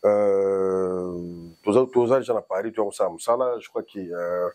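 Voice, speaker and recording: In Paris, a guest musician from Congo chats loosely in a casual interview, rambling as he switches between French and Lingala. His voice is deep and warm, and he speaks a little slowly.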